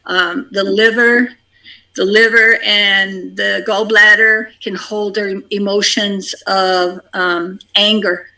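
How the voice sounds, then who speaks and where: This speaker talks very slowly and halts often, filling the gaps with ums and repeating phrases. The tone is bright and forward, and the words are shared with a spiritual discussion group. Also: medium pitch, flat delivery, vocal fry, low-quality recording. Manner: halting and unhurried, with many ums and repeated phrases. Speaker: community member sharing a practice.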